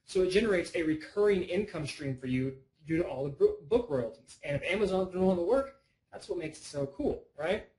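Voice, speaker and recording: Man, webinar presenter, casual and rambling, voice a touch high. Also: lively intonation, brisk, mellow, rough recording. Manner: rambling, chatty, self-interrupting. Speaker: online course presenter.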